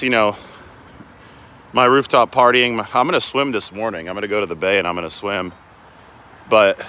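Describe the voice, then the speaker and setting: Very low-voiced man on a rambling walk. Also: pushed and bright, slight background noise. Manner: chatty, rambling, frequent restarts. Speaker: sports reporter. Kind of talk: casual live walking vlog. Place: outdoors on city streets and in a park. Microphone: handheld phone camera while walking.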